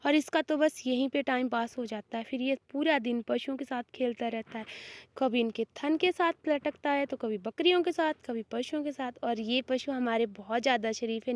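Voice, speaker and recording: High-voiced woman vlogging, sore throat. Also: dry recording. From Himachal Pradesh, India. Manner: chatty, talks straight to viewers. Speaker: village life vlogger. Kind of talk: casual walk-along vlog talk. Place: outdoors on a steep grassy hillside.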